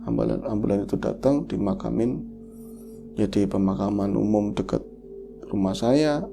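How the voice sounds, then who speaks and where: A man's voice: on the low side, normal speed, gravelly, music in the background. A man hosting a horror podcast, emotionally retelling a listener's tragic story in the first person.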